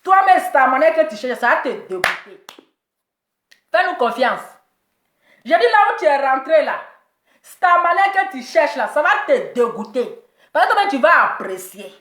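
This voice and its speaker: High-voiced teasing woman, echoey room. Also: big pitch swings, a little slow, long pauses, a bit bright. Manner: teasing, repeats her punchlines, laughs often. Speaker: online gossip commentator. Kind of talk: mocking celebrity commentary.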